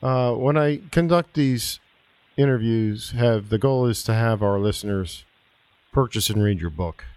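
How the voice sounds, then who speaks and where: A man's voice: fairly low pitch, measured pace, darkish tone, clean tone, dry recording. A man hosting a radio interview show, who asks his questions courteously and at length. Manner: courteous, with some fillers. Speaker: interview host.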